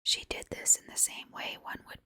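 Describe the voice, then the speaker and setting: A woman reads a storybook aloud under her breath as ASMR. Her whisper is very bright and crisp with breath rather than voice. She keeps to narrated prose throughout. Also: moderate pace. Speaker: reader of a children's storybook.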